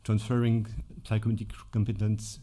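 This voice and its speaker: A man's voice: lowish voice, monotone, moderate pace, dark tone. A man giving a conference talk. He hesitates often, with many fillers and self-corrections. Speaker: conference presenter. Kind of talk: conference talk with scripted dialogue. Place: conference room.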